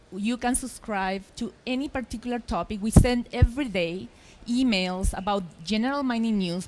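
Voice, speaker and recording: A middle-aged woman from Chile, giving a lively, emphatic conference presentation from a stage microphone. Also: mid-range voice, rough recording. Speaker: journalist, conference speaker. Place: expo hall stage.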